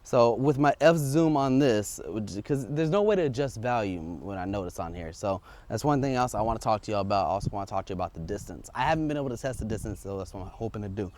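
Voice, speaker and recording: A man's voice: lowish voice, expressive, fast, few pauses, darkish tone, slight background noise. A man chatting informally and thinking aloud as he records an unscripted vlog outdoors on a clip-on wireless lavalier. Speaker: vlogger testing audio gear. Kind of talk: casual unscripted vlog chat. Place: outdoors, walking up a residential street. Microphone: wireless lavalier clipped to shirt.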